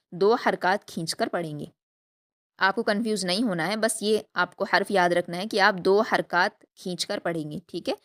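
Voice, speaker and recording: A woman leads an online recitation lesson in a smooth, resonant voice at an ordinary middle pitch. She explains each rule patiently and keeps checking that her students follow. She draws out the practice syllables slowly so they can be copied. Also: a bit bright. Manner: asks rhetorical check questions. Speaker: Quran recitation teacher.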